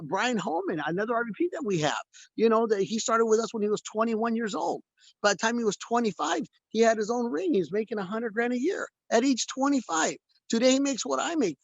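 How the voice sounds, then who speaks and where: A man's voice: high voice, slightly rough, no room sound. A man leading a video call, giving a motivational talk to his sales team and repeating phrases for stress.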